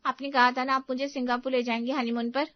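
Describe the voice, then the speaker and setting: A woman voicing a quick-tempered, tearful young bride in a cartoon story, with shrill and petulant outbursts. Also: flat delivery, no room sound, highs cut off, lightly acted. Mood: sulky, angry.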